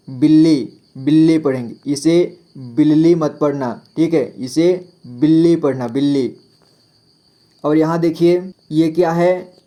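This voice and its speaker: A man teaching Hindi spelling to beginners, reading words out one by one in a patient, drawn-out way. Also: a little high, dark tone. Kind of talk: slow spelling lesson for beginners.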